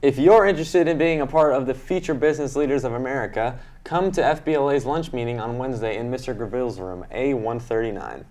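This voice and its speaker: A man's voice: medium pitch, quick pace, few pauses, a little mellow. A teenage boy co-anchoring a student newscast, reading announcements upbeat with occasional restarts. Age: teens. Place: school studio.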